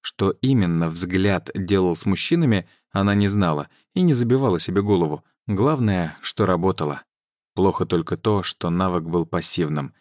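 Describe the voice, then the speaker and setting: A man narrating an audiobook in an even, measured reading. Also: deep voice, dry recording, studio quality. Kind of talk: scripted narration.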